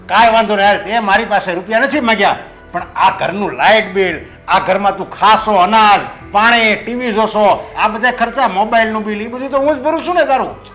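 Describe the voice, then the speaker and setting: A man's voice: high-pitched, brisk, fairly bright tone, soft background music. An actor playing a stern, hardworking father who lectures his idle son.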